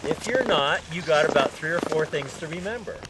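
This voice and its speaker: A man's voice: on the high side, animated, brisk. A man teaching a ski lesson to a group, projecting his voice in short, emphatic instructions with a folksy, joking manner. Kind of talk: outdoor group ski lesson with jokey coaching. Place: outdoors on a ski slope. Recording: outdoor ambient noise, shifting distance.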